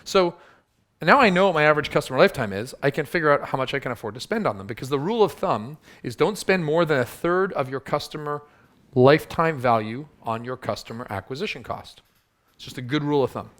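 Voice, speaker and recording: Male workshop speaker, quick delivery, punchy and teasing with the audience. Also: a little high, lively intonation, a bit bright. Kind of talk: live workshop talk.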